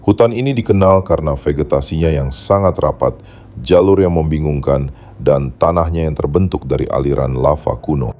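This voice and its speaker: A man's voice: rumbling low, moderate pace, darkish tone. A man reading a scripted horror story as narrator, in a solemn, dramatic storytelling manner.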